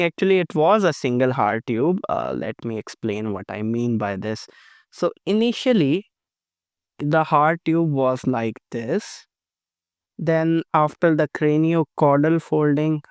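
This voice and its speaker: A man's voice: fairly high pitch, clean tone, no room sound, clean studio sound. A man giving an explanatory narrated lecture in a didactic way, repeating points and checking understanding, while down with flu and a sore throat. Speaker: anatomy lecturer. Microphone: voice-over for animated lecture.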